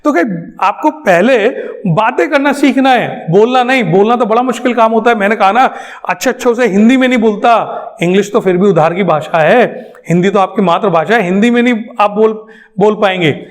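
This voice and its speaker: A man's voice: sits high, brisk. A male English trainer, lecturing a class emphatically and answering his own questions. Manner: emphatic, repeats points, asks questions then answers them.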